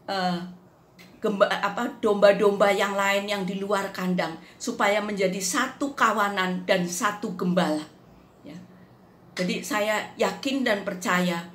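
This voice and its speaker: A woman telling a faith testimony in an unhurried, earnest devotional manner. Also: medium pitch. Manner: unhurried, earnest storytelling that acts out quotes. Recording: roomy echo with faint background noise.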